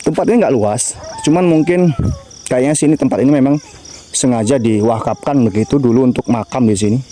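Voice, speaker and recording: A man's voice: medium pitch, fairly quick, warm tone, a little hiss or hum. A man with a Javanese accent livestreaming from a riverside grave at night, chatting with viewers and calling out to spirits. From Java. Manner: chatty, talks to viewers and chat, invokes spirits. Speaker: mystery vlogger.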